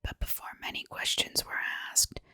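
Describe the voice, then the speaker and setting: A woman narrates a horror tale in a soft ASMR whisper with no voiced tone. The sound is very crisp and sibilant, close to the mic in a dry space. Her phrasing is hushed and deliberate. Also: dry recording. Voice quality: breathy, unvoiced whisper. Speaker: ASMR story reader.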